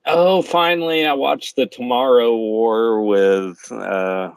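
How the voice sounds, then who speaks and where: A man's voice: mid-range voice, fairly even intonation, takes it slowly, gravelly, clean tone, no room sound. A man chatting casually on a movie podcast, giving blunt opinions and laughing often. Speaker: podcast guest.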